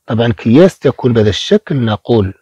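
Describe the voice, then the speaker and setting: A man teaches beginner French, breaking words into slow, drawn-out syllables. His voice is mellow and a little husky, with a lively rise and fall. The sound is dry and close. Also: medium pitch, no room sound.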